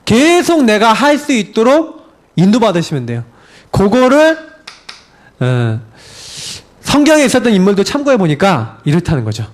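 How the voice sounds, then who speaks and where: Lively, high-voiced Korean pastor preaching. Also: male voice, moderate pace, pauses often. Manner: animated storytelling with laughs and acted-out cries. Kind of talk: sermon.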